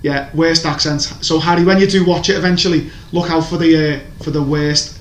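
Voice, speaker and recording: His pitch is fairly high, his tone steady, and he talks a little fast. He co-hosts a podcast, chatting casually about TV shows in a rambling, opinionated way with many restarts. The recording has an echoey room and faint background noise.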